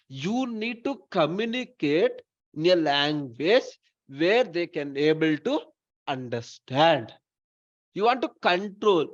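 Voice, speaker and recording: A man's voice: high voice, lo-fi sound. A man with a Telugu accent teaching an informal live class, repeating his phrases and asking questions that he then answers himself. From Telugu-speaking region of India. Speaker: data science instructor.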